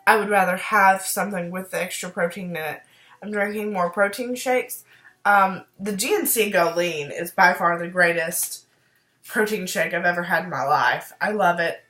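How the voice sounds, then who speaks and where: A woman chatting upbeat in a casual video diary, fighting off a cold and clearing her throat now and then, with frequent ums. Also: medium pitch, sharp tone. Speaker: video diarist. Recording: roomy echo.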